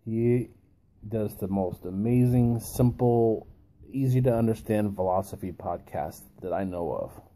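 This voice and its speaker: Deep, dark-voiced man musing around a pipe. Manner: musing, halting, with long pauses; talks around a pipe in his mouth. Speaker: video host. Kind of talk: reflective philosophical monologue to camera.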